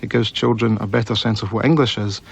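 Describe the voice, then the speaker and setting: Scottish bloke being interviewed, bit of fry in the voice, earnest n emphatic. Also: male voice, on the low side, fairly even intonation, quick pace. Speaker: Scots language educator and promoter. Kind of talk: radio interview talk.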